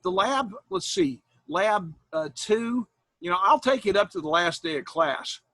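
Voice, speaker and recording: A man in his sixties from Iowa, USA, a college instructor, chats casually with students after an online class, folksy, joking and laughing often. His high voice is expressive, unhurried, pushed and bright. He's at home on a video call, and the computer mic picks up no room sound.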